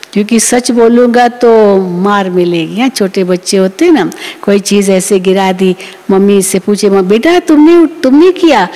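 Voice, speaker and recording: A woman preaches with a fairly high voice that carries a long hall reverb. She tells her points as stories and slips into the voices of the people she quotes. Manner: animated storytelling, acts out quoted people. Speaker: spiritual teacher. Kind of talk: sermon explaining a spiritual discourse.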